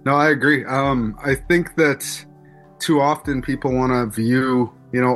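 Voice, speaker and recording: A man in his forties from Canada speaks as an interview guest, thoughtful and reflective, pausing and restarting as he recalls family memories. His voice sits at an ordinary middle pitch. Faint music plays underneath. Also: a bit bright. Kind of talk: interview conversation.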